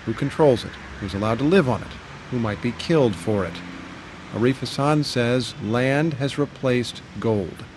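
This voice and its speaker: A man with an American accent narrating a scripted news documentary in short, deliberate sentences. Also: medium pitch, background noise. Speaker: radio reporter and narrator.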